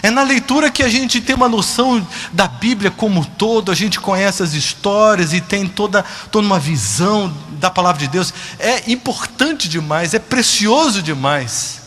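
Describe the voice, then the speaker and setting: Husky preacher in a reverberant church. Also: male voice, sits high, lively intonation, moderate pace, hardly any pauses, faint music behind. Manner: dramatic, swings from hushed to emphatic. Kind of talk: sermon.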